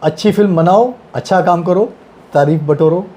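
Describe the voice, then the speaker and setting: A man's voice: high-pitched, normal speed, mellow. A man co-hosting a gossip chat, agreeing readily and laughing along as he adds stories. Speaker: gossip show co-host. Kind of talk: casual chat.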